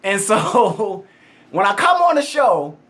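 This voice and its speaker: A man's voice: high-pitched, very animated, slow pace, fairly bright tone. A man with a heavy Baltimore accent, joking and boasting with frequent laughs in a casual casting interview. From Baltimore, Maryland, USA. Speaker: game show contestant hopeful. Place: casting room in Las Vegas.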